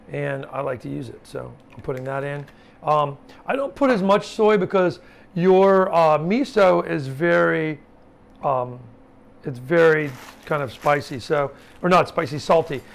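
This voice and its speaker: A man's voice: on the high side, creaky. A man, a chef, teaching a casual cooking class in a home kitchen, talking informally with lots of fillers and asides. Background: sizzling pan and chopping.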